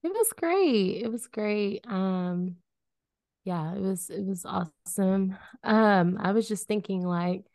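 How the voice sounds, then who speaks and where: A woman in her late twenties talks in a relaxed, reflective way on a faith podcast, filling her pauses with "like" and "um". Her mid-pitched voice is recorded close and dry. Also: no room sound. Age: 20s. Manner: relaxed, reflective, full of fillers. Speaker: podcast co-host. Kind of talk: casual chat.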